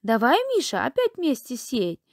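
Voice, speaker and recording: A woman storyteller plays a crafty peasant man in a storybook tale. He sounds coaxing and agreeable, high in pitch and very lively. The recording is dry. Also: normal speed, dry recording.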